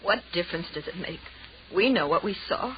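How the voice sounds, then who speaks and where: A woman's voice: lowish voice, animated, fairly quick, natural voice. An actress playing a defiant, jittery young woman with emphatic, nervy delivery in an old-time radio horror drama. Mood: defiant, rattled. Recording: muffled, noisy old radio recording.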